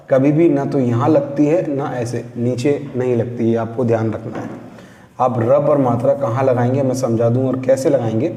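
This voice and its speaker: A male teacher giving a beginners' reading lesson, drawing out each syllable slowly and patiently prompting learners to repeat after him. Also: mid-range voice, mellow. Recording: echoey room with long reverb.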